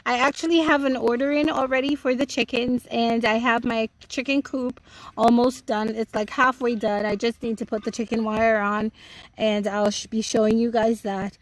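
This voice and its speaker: A woman's voice: on the high side, steady tone, moderate pace, a little hiss or hum, rough recording. A woman giving a casual, chatty live tour of her home vegetable garden outdoors, explaining things to viewers as she goes and speaking into a phone.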